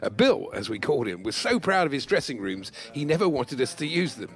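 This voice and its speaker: A man's voice: mid-range voice, big pitch swings, a little fast, vocal fry, soft background music. A man presenting a radio quiz in a jokey, anecdotal, punning way.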